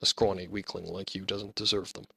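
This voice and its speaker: A man's voice: low-pitched, flat delivery, fairly quick, gravelly, fairly bright tone, husky, dry recording, heavily acted. A man voicing a sneering teen bully. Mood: mocking. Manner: mocking, taunting. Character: big sneering fifteen-year-old bully boy.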